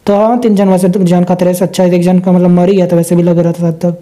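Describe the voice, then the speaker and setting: A man's voice: high-pitched, little pitch movement, fast talker, warm tone. A young man giving casual, joking commentary over gameplay and talking to himself as he plays. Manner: chatty, joking, talks to himself.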